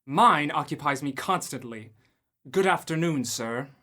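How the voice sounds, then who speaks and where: Grumbling old miser Scrooge. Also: male voice, fairly high pitch, animated, unhurried, pushed and bright. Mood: scornful. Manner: curt, scornful, barking orders. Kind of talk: student radio drama acting.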